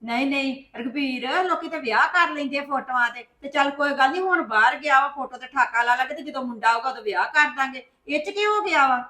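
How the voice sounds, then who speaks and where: A woman's voice: sits high, a little fast, few pauses, pushed and bright. A woman acting a coaxing older sister in a family drama. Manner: coaxing, persuasive. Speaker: actor in a family skit. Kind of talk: scripted Punjabi family drama.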